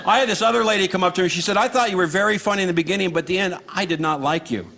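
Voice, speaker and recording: Sarcastic, high-pitched American stand-up comic, man. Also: rapid-fire, creaky, pushed and bright. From Los Angeles, United States. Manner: sarcastic, dry lilting delivery of punchlines. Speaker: stand-up comedian. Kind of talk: stand-up comedy routine. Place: live stage before a laughing audience. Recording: noisy live comedy club recording.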